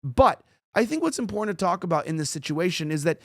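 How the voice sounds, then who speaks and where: Fast-talking male political commentary host. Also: high voice, animated, creaky, fairly bright tone, no echo, studio quality. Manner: rapid, rambling, sarcastic asides. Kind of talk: news commentary.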